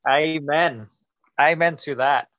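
A young Singaporean man co-hosts a casual podcast, his accent a blend of Singaporean and New Zealand. His voice is on the high side, slow, and a bit bright, with no room sound, and he jokes around in a laid-back way packed with bro slang.

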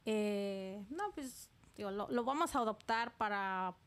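A woman's voice: medium pitch, a little slow, clean tone. A woman from Mexico, a guest on a podcast, chatting casually with many fillers. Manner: conversational, loose fillers like "o sea". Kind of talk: casual interview chat.

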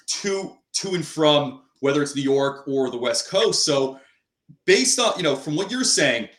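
A man with a fairly high, fairly bright voice hosts an interview, rambling through long turns packed with "you know" and other fillers. The recording sounds roomy.

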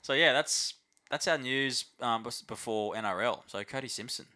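A man's voice: mid-range voice, normal speed, sharp tone. An Australian man co-hosting a casual sports podcast, talking in a laid-back, slangy, matey way.

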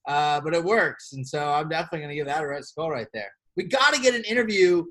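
A fairly high-voiced man co-hosting a casual podcast. He is playful and loose, full of fillers and the odd swear word, and hams it up when he reads out gossip. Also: fast talker. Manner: playful, animated reading of gossip. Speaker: podcast co-host. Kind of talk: casual chat.

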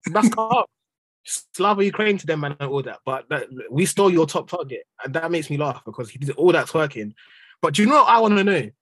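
A man's voice: on the high side, lively intonation, fairly quick, a bit bright, husky, no echo, poor audio. A young man with an urban London accent and street slang, ranting in exasperation during casual football banter. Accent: London, urban street slang style. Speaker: football podcast panellist, Chelsea fan.

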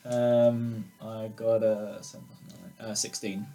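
A man's voice: on the low side, little pitch movement, a little slow, heavy background noise. A man playing a tabletop game, chatting casually and making jokes. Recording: loud music behind the voice.

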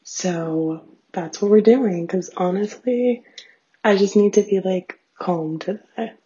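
A young adult woman with a raspy voice and vocal fry, chatting casually in a rambling, self-deprecating solo diary full of fillers. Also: mid-range voice, slow pace, mellow, a little hiss or hum. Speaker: host of a personal audio diary. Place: small bathroom at home, sitting on floor. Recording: dull, lo-fi home recording.

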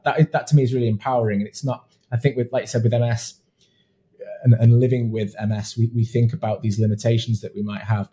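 A man with a fairly low pitch and a dark tone hosts a podcast interview. The conversation is casual, and he's chatty and affirming, frequently restarting his sentences.

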